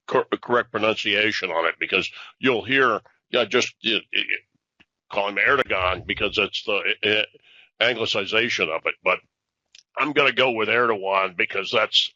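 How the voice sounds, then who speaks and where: Bright-voiced man, halting analyst talk. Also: fairly low pitch, no echo, dull audio. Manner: halting, many fillers and restarts. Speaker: podcast co-host, analyst. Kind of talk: casual discussion.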